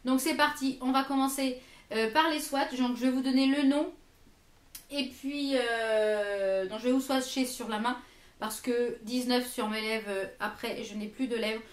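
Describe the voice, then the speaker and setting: A woman's voice: on the high side, steady tone, unhurried, roomy sound. A French woman reviewing lipsticks in her own vlog, hesitant and full of fillers and repeated words. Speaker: beauty vlogger. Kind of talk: product review.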